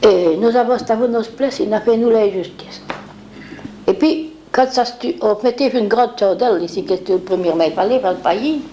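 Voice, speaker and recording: A woman's voice: mid-range voice, normal speed, warm tone, slight background noise. An older woman, reminiscing in a rambling way and acting out what others said. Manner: rambling, acts out quoted speech. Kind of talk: reminiscing oral history.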